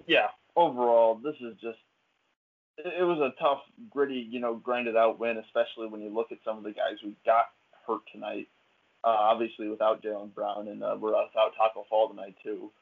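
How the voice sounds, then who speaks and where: A man's voice: fairly low pitch, creaky. A man co-hosting a casual sports podcast, laid-back and filling his talk with frequent uh's. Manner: laid-back, lots of uh fillers. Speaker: podcast co-host. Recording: tinny phone-like line.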